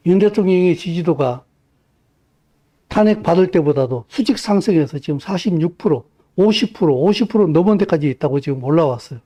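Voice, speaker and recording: Male pastor, sermon, high voice, mellow tone, fervent and emphatic. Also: lively intonation, brisk. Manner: impassioned, emphatic, rising to fervent peaks. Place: church.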